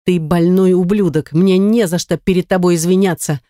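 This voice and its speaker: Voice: fairly even intonation, normal speed, warm tone, no echo, studio quality, lightly acted. A reader voicing a defiant young woman held captive in an audiobook, shrieking and sobbing in fury. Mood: furious. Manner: shrill, furious, sobbing. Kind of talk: audiobook character voice.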